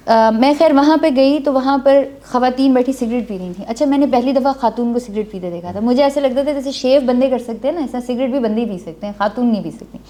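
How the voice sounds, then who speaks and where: A woman's voice: fairly high pitch, few pauses, dark tone. A woman from Kashmir, a guest on a talk show and a former drama maker, telling chatty anecdotes. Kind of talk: casual talk show conversation.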